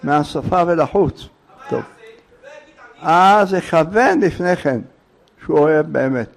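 A man's voice: a little high, expressive, gravelly. A man teaching a religious lesson, telling a story in short clipped phrases and prodding his listeners with questions.

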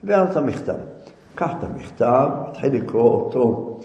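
A man telling a folk tale live to an audience, in a halting, searching way. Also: medium pitch, animated, warm tone. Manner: hesitant, halting restarts. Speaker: storyteller. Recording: echoey hall, dull lo-fi sound.

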